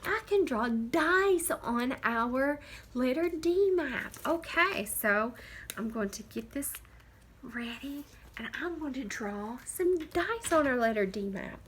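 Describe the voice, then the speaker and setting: Slow bright-voiced kindergarten teacher. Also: female voice, high voice, expressive, a little hiss or hum. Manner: slow, encouraging, sounds out letters. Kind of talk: phonics lesson for young children.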